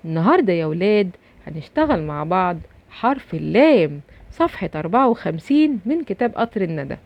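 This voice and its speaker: A woman teacher with an Egyptian accent, giving a children's phonics lesson and slowly drawing out and repeating syllables. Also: fairly high pitch. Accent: Egyptian Arabic. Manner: slow drawn-out syllable drilling with repetition. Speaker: primary school teacher. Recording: dry, slightly dull lo-fi recording.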